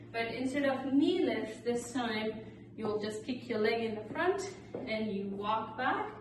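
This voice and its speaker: A woman leading exercise as an aerobics instructor, cueing and counting out moves with short, encouraging instructions. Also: fairly high pitch. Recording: echoey, noisy room, distant microphone.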